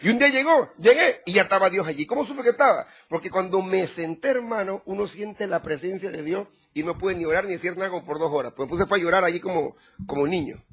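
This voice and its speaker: A man's voice: sits high, fast talker, a bit bright, slightly rough. A middle-aged man preaching a sermon, speaking directly to his congregation with rising emphasis. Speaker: pastor.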